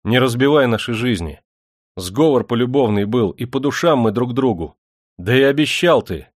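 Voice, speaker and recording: A man's voice: mid-range voice, animated, normal speed, no room sound, pitched above the performer's own voice, close to an everyday voice. A young serf stable hand in an audiobook, as a male narrator puts him on, pleading with his master in a raised, earnest voice. His reproach sounds stern but humble, and the recording is dry and close.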